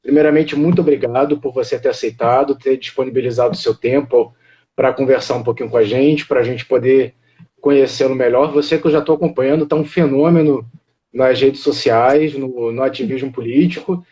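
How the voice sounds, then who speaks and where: A man's voice: mid-range voice, fairly even intonation, fairly quick, mellow, highs cut off. A man hosting a casual live-stream interview over a video call, friendly and joking about football.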